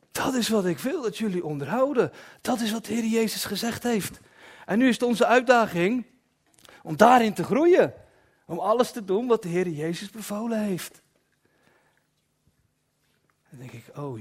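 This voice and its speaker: A man preaching a sermon in a personal, confessional way, dropping to soft asides at times. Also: sits high, lively intonation, unhurried, long pauses, breathy edge.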